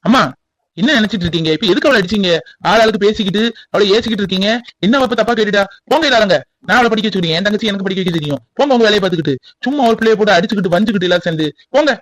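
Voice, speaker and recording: A man's voice: high-pitched, lively intonation, racing, fairly bright tone. A man voicing a protective young brother in a cartoon who firmly defends his sister. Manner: firm, defending.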